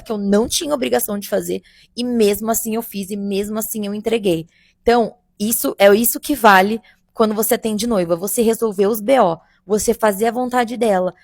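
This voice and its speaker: A young woman recounts a job gone wrong in lively, chatty storytelling and keeps turning to her audience. Her voice has a gravelly edge, and the sound is close and dry with no room around it. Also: medium pitch, no room sound. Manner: animated, addresses listeners as "gente". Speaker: bridal makeup artist. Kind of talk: casual first-person storytelling.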